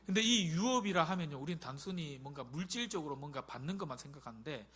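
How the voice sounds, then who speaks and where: A man in his forties, a pastor preaching a sermon in an animated, emphatic way, with many rhetorical questions to the congregation. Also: fairly high pitch, fast, breathy edge. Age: 40s.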